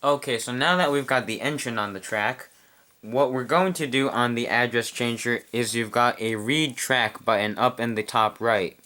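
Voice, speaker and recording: Bright-voiced man demonstrating model trains. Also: medium pitch, normal speed. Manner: relaxed, chewing gum while explaining. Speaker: model train hobbyist reviewer. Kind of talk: casual how-to demonstration. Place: quiet room at home with model track on a table.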